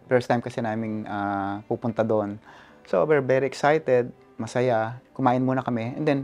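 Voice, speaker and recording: A male photojournalist giving an animated personal account in an interview, switching between languages and often adding "no?" tags. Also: mid-range voice, moderate pace, faint music behind. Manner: animated retelling, code-switching, frequent "no?" tags.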